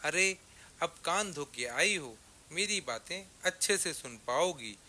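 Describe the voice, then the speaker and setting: A man voicing a chatty, cheerful male parrot in a lively, teasing tone for a children's story. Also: on the high side, slow pace, a little hiss or hum, voice pushed up, heavily acted. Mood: excited.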